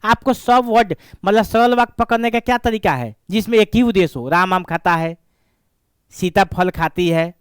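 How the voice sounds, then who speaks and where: A man's voice: sits high, moderate pace, smooth, no room sound, studio quality. A man teaching a grammar lesson, repeating points and asking and answering his own questions.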